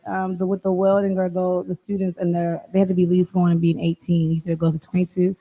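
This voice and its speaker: A woman's voice: fairly low pitch, flat delivery, fast talker, dark tone, rough recording. A talkative woman, co-hosting a casual podcast chat and often cutting herself off mid-word. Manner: talkative, self-interrupting, playful. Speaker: co-host.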